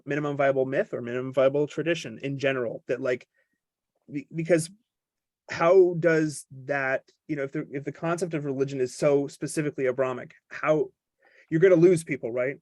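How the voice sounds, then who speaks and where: A man's voice: mid-range voice, darkish tone, dry recording. A man in a casual podcast conversation who talks in digressive, joking tangents and pokes fun at himself. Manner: digressive, joking, self-deprecating. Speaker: podcast co-host.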